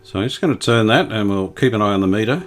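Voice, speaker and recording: A fairly low-voiced man, the host of a radio repair video, talks quickly and casually through a hands-on repair, unscripted and thinking out loud at each step. Heavy background noise surrounds him.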